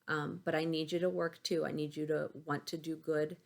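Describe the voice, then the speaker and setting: In a low, creaky voice with a level tone and normal speed, a woman schoolteacher reads a picture book to her young pupils. She talks in simple, child-directed phrases and stops to check their understanding with questions.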